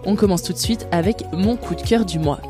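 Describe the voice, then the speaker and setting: A woman's voice: on the low side, fairly quick, over music. A woman hosting a podcast, reading a friendly, conversational script. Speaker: podcast host.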